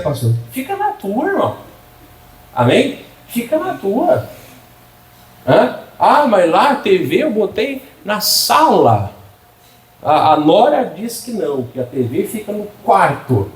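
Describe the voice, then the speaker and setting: Middle-aged male pastor, folksy and joking, mellow tone, echoey church sound. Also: fairly high pitch, distant mic. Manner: humorous, folksy preaching with frequent call-and-response. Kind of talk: sermon.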